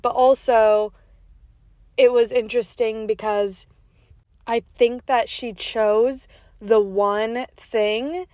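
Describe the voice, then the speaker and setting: Speaking slowly in a mellow, steady, fairly high voice, this young podcast host records from a parked car while nasal and congested with a cold. Her story wanders casually, full of "like," with laughter breaking up the asides. The sound is studio quality with no room sound.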